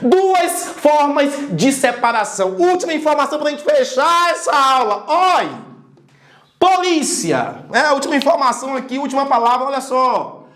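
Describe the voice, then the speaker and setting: A man teaching a lively video lesson, emphatic, calling out to his students and stretching out syllables to make a point. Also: very high voice, moderate pace. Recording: roomy echo.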